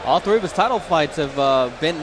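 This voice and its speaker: A man's voice: on the high side, animated, fairly quick, background noise. A man giving live co-commentary at a boxing event. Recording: music behind commentary.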